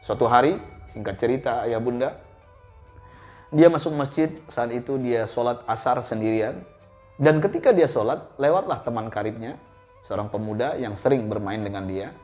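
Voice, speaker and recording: A man's voice: moderate pace, faint music behind. A male preacher giving a storytelling sermon, addressing listeners directly. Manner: animated, swinging pitch, addresses listeners directly.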